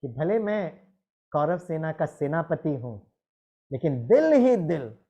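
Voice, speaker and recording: A man voicing an aged male warrior patriarch who speaks to a young warrior with slow, solemn affection. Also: fairly high pitch, sing-song, dark tone, slightly rough, voice pushed down, heavily acted. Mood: tender, solemn. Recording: dull lo-fi recording.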